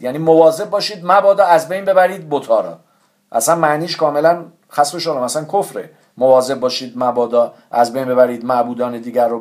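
Man, somewhat high-voiced, teaching a religious lesson in a careful, instructive way. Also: darkish tone. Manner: careful, explanatory, stresses correct pronunciation.

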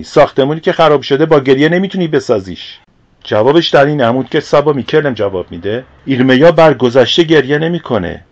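A man preaches a sermon, explaining points earnestly and posing rhetorical questions. His voice sits somewhat high, and the recording sounds dull and lo-fi. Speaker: religious teacher.

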